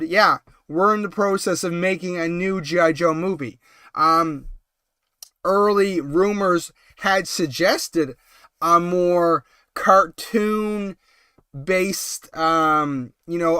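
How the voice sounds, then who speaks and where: With a cold but a high, bright voice that stays smooth and clear, a man hosts an easygoing late-night live stream. He chats and rambles, full of ums and quick laughs, in a dry, close recording with no room sound.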